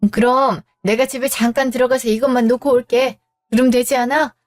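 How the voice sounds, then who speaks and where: A woman's voice: fairly high pitch, fairly even intonation, fairly quick, soft background music. Woman lead and narrator, audio drama, plain and earnest delivery. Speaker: narrator and main character.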